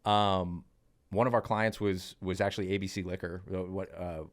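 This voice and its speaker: A man in his thirties telling stories from his career on a podcast, chatty and lively, with plenty of fillers. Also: low-pitched, moderate pace. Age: 30s. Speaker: podcast co-host. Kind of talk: casual storytelling in podcast chat.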